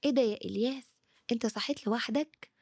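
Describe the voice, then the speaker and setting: A woman with an Egyptian Arabic accent voicing a calm, orderly big sister who speaks patiently. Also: fairly high pitch, very fast, vocal fry, dry recording, clean studio sound. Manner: calm, patient, gently wise.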